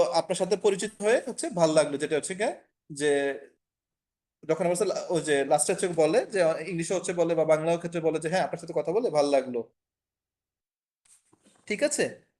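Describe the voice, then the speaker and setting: A man's voice: high voice, darkish tone. A man from Bangladesh leads an online French lesson. He explains in Bengali, weaving in English words and French phrases, with plenty of fillers. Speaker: French teacher. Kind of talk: online class lecture. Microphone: video call.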